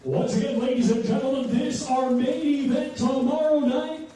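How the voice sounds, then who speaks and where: A man working as a ring announcer at a boxing weigh-in. He draws out the fighters' names and shouts their hometowns. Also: steady tone, soft background music. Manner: booming, drawn-out ring announcer calls. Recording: echoey venue from far off with crowd.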